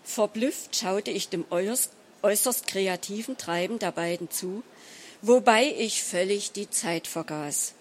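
A woman reading a humorous short story aloud in a measured, dry storytelling manner. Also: mid-range voice, a little hiss or hum. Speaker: story reader.

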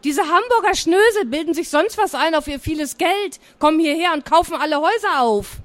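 A woman's voice: sits high, expressive, moderate pace, pitched above the performer's own voice. A woman reading aloud and voicing a cheeky eight-year-old farm girl who talks back, in a raised voice.

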